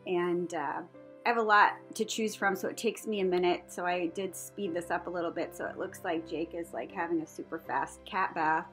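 With music playing behind her, a fifty-something craft vlogger chats loosely through a home vlog voice-over, rambling and prone to laughing. Her lowish voice is fairly bright and moves at a moderate pace.

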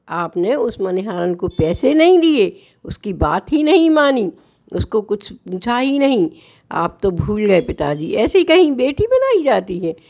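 A woman voicing a divine young girl who gently reproaches her adoptive father in a devotional story. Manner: high pleading reproach.

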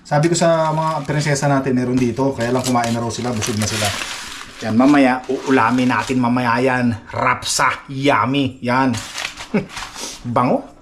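Filipino guy vlogging at home, jokey and braggy, laughs a lot, mid pitch, bit of noise. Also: fairly even intonation, normal speed. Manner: playful, boastful joking, frequent laughs. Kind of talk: casual home vlog chat. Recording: faint background noise.

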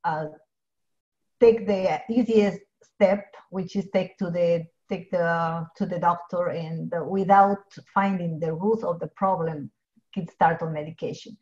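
A woman's voice: on the low side, fairly even intonation, a little slow, darkish tone. A middle-aged woman from Ecuador, talking earnestly on a video call with many restarts and fillers. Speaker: pharmacist guest. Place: home office with bookshelves. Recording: dull lo-fi video call audio.

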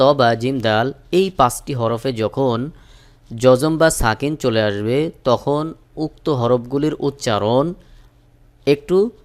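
Male Quran teacher from Bangladesh, unhurried and smooth-toned, spells each letter before chanting the verse. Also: mid-range voice. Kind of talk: slow spelled-out Quran recitation lesson.

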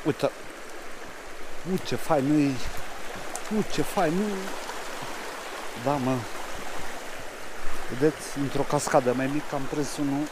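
A man, fishing on a mountain stream and giving casual commentary. He mostly mutters to himself, then speaks up to the camera. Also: medium pitch. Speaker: fishing vlogger. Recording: rushing stream noise behind.

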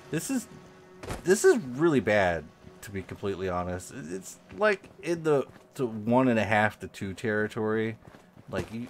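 A man giving casual commentary over a video game, halting and repeating his words with frequent ums. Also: low-pitched, slight background noise. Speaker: gaming channel host.

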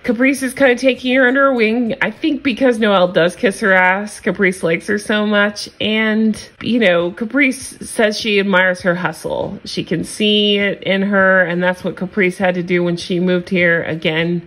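A woman's voice: mid-range voice, fairly even intonation, normal speed, hardly any pauses, fairly bright tone. A woman with a standard American accent giving a casual, gossipy, opinionated recap of a reality show. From United States. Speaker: TV recap host.

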